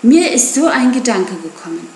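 A woman voicing a calm, measured old male wolf. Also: a little high, echoey room, slight background noise.

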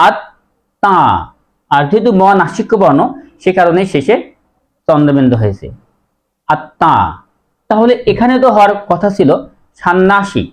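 A man with a slightly high voice and a darkish tone teaches a pronunciation lesson. He walks through the rules step by step and repeats each word slowly.

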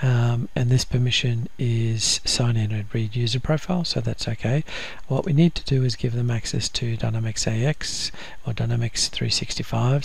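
A man giving a screen-recorded software tutorial, explaining each step methodically with frequent ums and uhs. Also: mid-range voice, gravelly. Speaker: software instructor.

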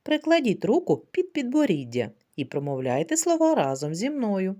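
A woman teaching a literacy lesson to preschool children, asking questions slowly and patiently and praising them in a sing-song way. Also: medium pitch, huge pitch swings, mellow. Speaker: kindergarten teacher.

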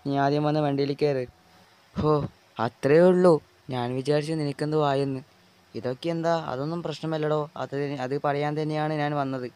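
A man voicing a clear-voiced cheerful best friend. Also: a little high, fairly even intonation, normal speed, darkish tone, natural voice. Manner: friendly and playful. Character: loyal male best friend, cheerful and teasing. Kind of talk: amateur Malayalam dub of a game short film.

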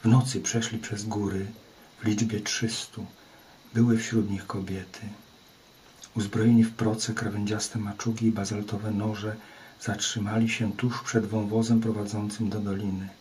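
Male audiobook narrator, low and level, faint background hiss. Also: measured pace, far from the mic, poor audio. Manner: steady, even storytelling. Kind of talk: scripted fantasy novel narration.

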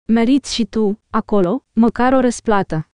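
A wise old wizard scolds and warns with force, read by a woman. The voice stays smooth and mellow, fairly high, with a dry close sound. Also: no room sound, natural voice. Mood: stern.

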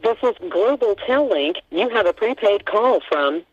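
A recorded automated announcement played over a prison phone line, in a flat, formal manner. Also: mid-range voice, normal speed, no room sound. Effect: recorded message played over a prison phone line.

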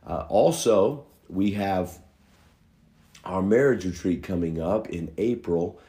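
Here a middle-aged pastor in his living room shares church news with an online congregation in an earnest, folksy way. The voice is low and mellow, roughened a bit by a cold, broken up by frequent filler pauses.

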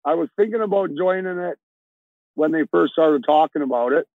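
A man in his sixties from Alberta talks from his truck cab over a video call, plain-spoken, rambling and restarting his sentences. The sound is dry and tinny, like a phone line, and his voice sits a bit high for a man. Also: fairly quick, no echo. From Alberta, Canada. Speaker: trucker guest. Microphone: earbuds on a video call.

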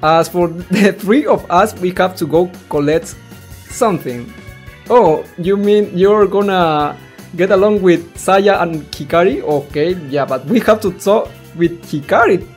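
This let's player has a high-pitched voice and speaks a little slowly, with soft music in the background. Reading a visual novel aloud, he rambles and reacts casually, occasionally fumbling words and swearing mildly.

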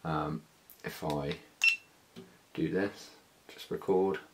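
Low-voiced British man, casual vlogger. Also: steady tone, extremely slow, heavy background noise. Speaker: motovlogger. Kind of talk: casual hands-on product walkthrough. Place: small living room, indoors.

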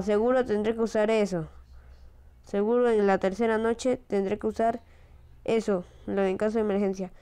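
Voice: medium pitch, darkish tone, smooth. A casual let's-play commentator who chats, mutters and reacts jumpily to scares. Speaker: gameplay commentator.

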